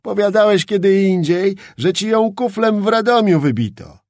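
A man reading an audiobook, voicing a stern old male standard-bearer who talks gruffly and curtly. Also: high-pitched, lively intonation, normal speed, a little mellow, no room sound, clean studio sound, voice pushed up. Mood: scoffing.

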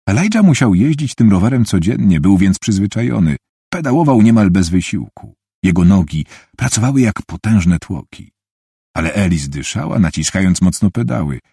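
A man narrating an audiobook in a measured storytelling manner, with a husky voice, recorded on a close mic. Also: low-pitched, dark tone, dry recording. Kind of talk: scripted narration.

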